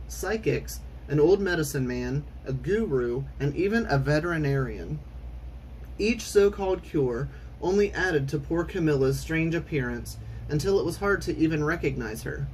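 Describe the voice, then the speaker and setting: Theatrical man reading a storybook, noisy background. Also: a little high. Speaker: storytime reader. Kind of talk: expressive children's storybook narration.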